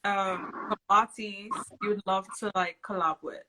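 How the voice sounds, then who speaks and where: A woman hosting a casual live-stream interview, asking brisk questions to prompt her guest. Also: mid-range voice, steady tone, pushed and bright, a little hiss or hum, poor audio. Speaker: interview host.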